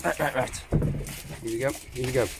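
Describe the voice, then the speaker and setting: A man filming at home, talking to his dogs in a coaxing, excitable way and laughing often. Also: mid-range voice, fairly quick, creaky. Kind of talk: casual home video chat. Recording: noisy home video.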